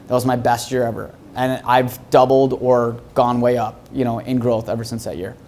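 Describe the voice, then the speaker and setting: A man, a real estate broker being interviewed, talking bluntly and profanely in animated stories. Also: mid-range voice, moderate pace, slight background noise. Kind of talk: casual podcast interview.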